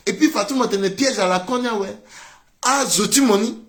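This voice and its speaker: A man giving a political commentary monologue, mixing French and Sango, with exclamatory outbursts that swing down to low muttering. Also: normal speed.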